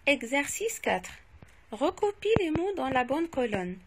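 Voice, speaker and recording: A woman teacher slowly correcting phonics exercises, saying each word twice and spelling out letters. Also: high voice, sing-song, noisy background. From Morocco. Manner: repeats each word twice, stressing sounds. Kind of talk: slow, clearly articulated classroom dictation.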